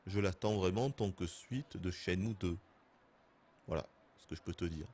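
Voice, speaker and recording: A man in his thirties giving casual, excitable gameplay commentary as a streamer, laughing and swearing often. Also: low-pitched, moderate pace, breathy edge. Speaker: gaming streamer.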